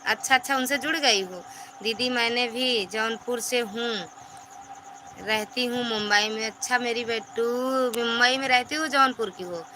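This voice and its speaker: A woman's voice: a little high, a little slow, noisy background. A woman, hosting a live stream and chattily reading out and thanking viewers' comments by name.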